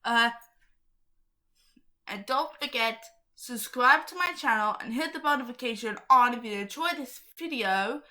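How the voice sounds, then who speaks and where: A woman's voice: on the high side, moderate pace, bright, forceful tone. A woman hosting her own channel, reading aloud to viewers in a casual, chatty way, giggling often and getting easily sidetracked. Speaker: channel host.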